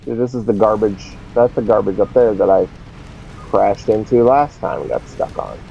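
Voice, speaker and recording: Gravelly, lively man talking to himself. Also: on the low side, moderate pace, soft background music. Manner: rambling, talks to himself as he plays. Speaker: game streamer. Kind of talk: casual live gameplay commentary. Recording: dull lo-fi stream audio.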